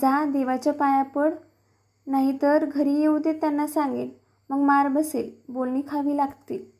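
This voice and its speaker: Stern village mother scolding her boy, high voice held level, as a woman reader puts her on. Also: flat delivery, a little slow, a little mellow. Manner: firm, scolding.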